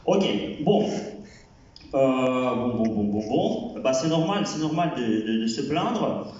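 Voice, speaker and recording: Slow, halting comic teacher, a man with lots of fillers, heard from far off in an echoey hall with dull sound. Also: mid-range voice, sing-song, a little mellow, slight background noise. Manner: halting, with many fillers and repeated words. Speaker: stand-up comedian, French teacher. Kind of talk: stand-up comedy set. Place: comedy club stage.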